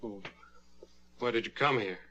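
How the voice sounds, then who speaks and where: An actor playing a nervous, guilt-ridden man with a halting, intense manner in a vintage American TV suspense drama. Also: medium pitch, sharp tone, lo-fi sound. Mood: shaky, evasive. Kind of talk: mid-century American TV suspense drama acting.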